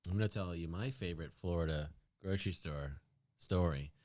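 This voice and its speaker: A man's voice: low-pitched, brisk, darkish tone. A man co-hosting a casual podcast chat, telling stories animatedly and swearing casually. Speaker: podcast co-host.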